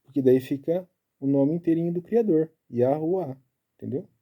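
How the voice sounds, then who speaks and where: A man giving a casual Bible study, explaining step by step and tagging his sentences with quick checks to the listener. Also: fairly high pitch, narrow, tinny audio. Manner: chatty, keeps tagging lines with "né?"; explaining Hebrew letters and pronunciation step by step.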